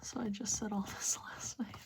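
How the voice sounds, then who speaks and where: A woman whispering a casual ASMR pep talk in a breathy, gentle, rambling way with pauses. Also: mid-range voice, fairly even intonation. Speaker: ASMR video host.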